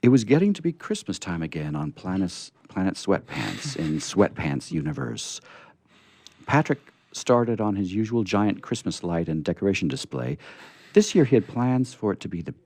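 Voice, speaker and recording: Low-pitched and very animated, the host's slightly mellow voice moves at normal speed with no echo. He's reading a story aloud for his radio theatre, live and chatty in front of a small group.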